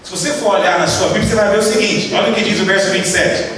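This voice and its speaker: A man with a Brazilian Portuguese accent and a high, fairly bright, steady-toned voice races through a sermon as a pastor. He preaches emphatically and keeps throwing rhetorical questions at the congregation. The audio is distant and echoey, recorded in a hall with background noise.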